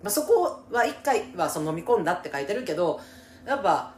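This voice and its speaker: Recorded in an echoey room with faint background noise, a woman with a Kansai accent co-hosts casually and gives advice, empathetic and emphatic, often chiming in with agreement. Her voice is on the low side, sing-song and brisk.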